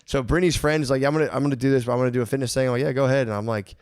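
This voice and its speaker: A man in his thirties rattles off stories at a quick clip on a casual podcast. He swears freely and slips into voices for the people he's quoting. The sound is close and dry, with no room around it. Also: medium pitch, steady tone, darkish tone, clear, resonant tone, dry recording. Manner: rambling storyteller, swears a lot, acts out quotes. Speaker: podcast co-host. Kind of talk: casual comedic chat.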